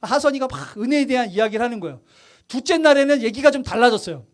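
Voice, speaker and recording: Casting: a pastor with a very high voice that rises and falls a lot, lively sermon storytelling. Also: male voice, quick pace. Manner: animated storytelling, acts out quotes and asks the congregation questions; drops to quiet, soft emphasis at points.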